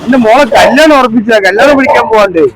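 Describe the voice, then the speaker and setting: A man plays a scared, high-voiced auto driver who keeps begging that he did nothing wrong. His voice sits very high and is nearly buried under loud noise behind him. The take sounds like an amateur short film shot outdoors. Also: fast talker. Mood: pleading. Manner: pleading, protesting innocence. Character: frightened male auto driver accused of smuggling.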